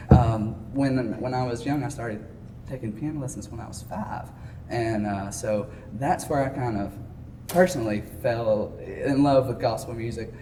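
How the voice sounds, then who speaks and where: A man's voice: medium pitch, warm tone. A twenty-year-old man from Alabama with a Southern accent, a gospel singer answering interview questions politely with many fillers and "yes sir.". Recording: echoey, distant, background noise.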